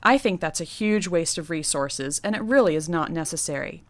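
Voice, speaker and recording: A woman's voice: fairly low pitch, animated, moderate pace, dry recording. Woman, guest tips segment, upbeat scripted read, dry recording. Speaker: nursery designer.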